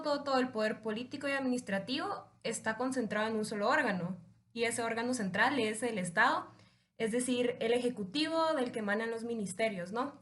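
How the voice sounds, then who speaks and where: A young woman from Guatemala, a law student guest, explaining earnestly and at length in a casual podcast chat. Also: on the high side. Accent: Guatemalan Spanish. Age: young adult.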